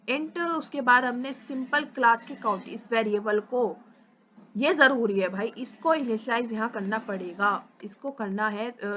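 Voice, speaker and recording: A young woman teaching programming in a casual, brisk and reassuring lecture, mixing English terms into her speech. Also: on the high side, a bit bright. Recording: dull lo-fi recording.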